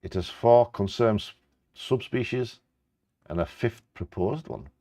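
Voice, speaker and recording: Male bingo co-host: low, dry-recorded voice, reads facts with offhand asides. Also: lively intonation, unhurried, mellow, no echo. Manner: casual, stumbles over scientific names. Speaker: co-host reading out animal facts. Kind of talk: reading facts aloud with casual asides during a live bingo game.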